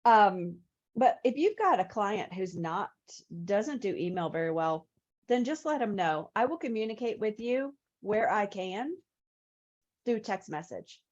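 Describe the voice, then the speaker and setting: A woman's voice: mid-range voice, expressive, a little slow, darkish tone, dull audio. A woman teaching on a video call, conversational and explaining through examples. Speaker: real estate trainer.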